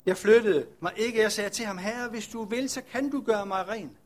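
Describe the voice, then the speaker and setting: A man's voice: sits high, pitched above the performer's own voice. A man voicing a weary, humble male leper farmer who is telling his own story earnestly in the first person. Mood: awed.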